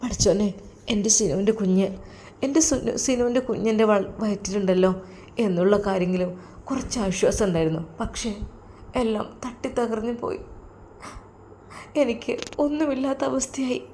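Soft and hushed, a woman plays a grieving young wife who speaks through her tears. Her voice is warm and mellow, and her delivery stays quiet and subdued throughout. This is an audio story read aloud. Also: mid-range voice, fairly even intonation, moderate pace, pauses often, a little hiss or hum, natural voice. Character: heartbroken young woman, weeping elder sister.

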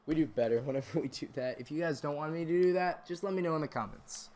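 A man streaming a football video game, calling plays and chatting with viewers, bursting into shouted calls on big moments. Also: on the high side, quick pace, a little hiss or hum. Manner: chats with viewers between plays. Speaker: gaming streamer. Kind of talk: play-by-play game commentary.

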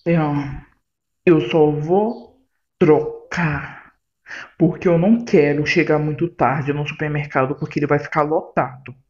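A man in casual vlog banter, who talks bluntly and with a sharp tongue. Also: on the high side, fairly even intonation, unhurried, highs cut off. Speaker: vlogger, partner of the host.

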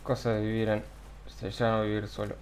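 Loud man streaming a game. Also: lowish voice, completely flat delivery, moderate pace, a little hiss or hum. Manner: loud outbursts and frequent swearing. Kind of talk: live gameplay commentary. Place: home, alone.

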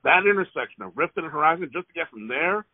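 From his car, a man phones a transportation office to complain about traffic, speaking fast in a high-ish voice with lively intonation. He rambles and hesitates but presses his point, and the phone line sounds tinny and dry with no room sound.

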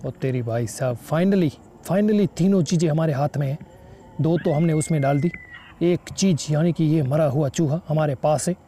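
A man talks his friends through a horror video game in a slightly high, mellow voice, bursting into startled exclamations as he plays. Faint noise hums under his voice. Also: moderate pace. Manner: excitable exclamations. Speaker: gaming YouTuber. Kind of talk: let's play commentary.

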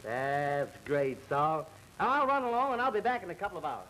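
An eager, flattering young reporter. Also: male voice, a little high. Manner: fast, bouncy and effusive, laughing between lines. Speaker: newspaper reporter in an early sound film. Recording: echoey early-1930s film soundtrack with hiss.

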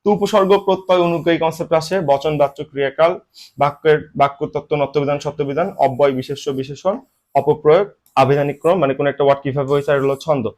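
A young man with a colloquial Bangladeshi Bengali accent gives an online admission-coaching lecture, brisk and teasing, full of rhetorical questions. His voice is a little high and a little mellow, with fairly even intonation.

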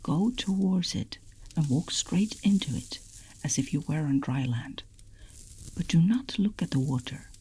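A woman's voice: deep voice, animated, a little slow, warm tone, husky, exaggerated voice, rough recording. A woman voicing a very old mystical male guide giving instructions in a whispered role-play storybook reading. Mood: solemn.

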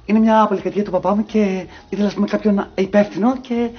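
A man's voice: high voice, fairly even intonation, slightly rough. An actor playing a clumsy lovesick man who talks hesitantly, mumbling with many fillers. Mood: mopey. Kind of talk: TV sketch comedy acting. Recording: dull TV broadcast sound.

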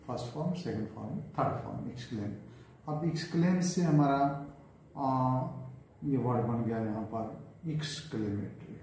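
A man gives an English grammar lesson in Hindi and writes on a board as he talks. His voice is dark and mellow, and he says words over and over and checks with "right?" and "clear?". The recording has a heavy room echo with a faint hiss behind it. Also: medium pitch. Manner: explains slowly, repeats words, asks "right?" and "clear?".

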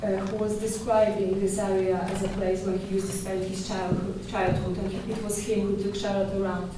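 A young woman curator giving a conference talk at a podium microphone in a dark lecture hall, measured and thoughtful with small hesitations and restarts. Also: medium pitch, little pitch movement, very noisy. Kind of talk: conference presentation. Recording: echoey hall from far off.

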